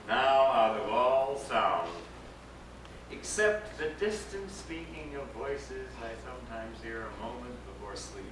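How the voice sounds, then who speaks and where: Reading a storybook dramatically to a live audience, this male actor has a medium-pitched voice that sounds pushed and bright, and he draws out his phrases for theatrical effect. The live recording is roomy and echoing, taken from a distant mic with faint noise.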